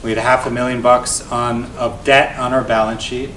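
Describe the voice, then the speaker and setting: A man in his forties, a venture investor and guest speaker, telling his founder story to an event audience in an energetic, conversational way that often tags points with "right?". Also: normal speed. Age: 40s. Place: event venue before an audience. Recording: roomy, distant mic with faint rumble.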